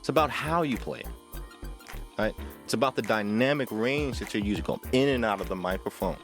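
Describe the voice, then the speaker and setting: A man on the low side in pitch, with a fairly quick pace and a somewhat bright tone, hosts a casual music tutorial talking straight to camera. Playing the talkbox, he talks emphatically, repeats himself, and often tacks on "right?" to check in.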